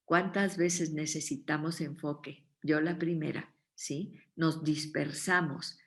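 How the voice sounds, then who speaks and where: Slow, low-voiced woman teaching Bible study. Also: fairly even intonation, a bit bright. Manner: earnest, checks in with listeners by asking "¿sí?".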